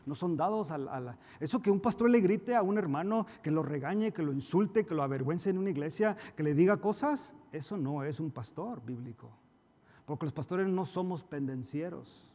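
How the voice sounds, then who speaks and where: Preaching a sermon at a moderate pace, this male pastor sounds animated and emphatic, his fairly high voice rising as he acts out arguments and then falling to hushed asides. The church hall adds a long, lingering reverb.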